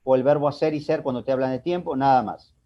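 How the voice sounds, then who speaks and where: A man's voice: medium pitch, steady tone, fast. A man teaching a language class, explaining step by step and asking and answering his own questions. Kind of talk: recorded online class lecture. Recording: dull lo-fi recording.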